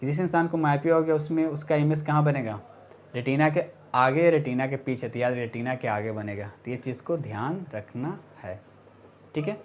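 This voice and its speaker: Over slight background noise, a man with a mid-range voice at normal speed leads a relaxed exam-prep science lesson, chatting informally, repeating and correcting himself, and frequently asking rhetorical check-in questions.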